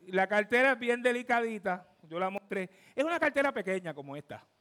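A man in his fifties with a Puerto Rican accent, a pastor telling a testimony in a sermon, animated, swinging from loud to hushed. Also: sits high, fairly quick. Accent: Puerto Rican Spanish. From Puerto Rico. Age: 50s.

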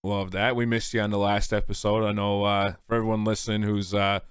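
Stuffy-nosed man hosting, clear and dry. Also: on the low side, level tone, fairly quick, no echo. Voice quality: congested, stuffy-nosed from allergies. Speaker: podcast host. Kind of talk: casual podcast hosting.

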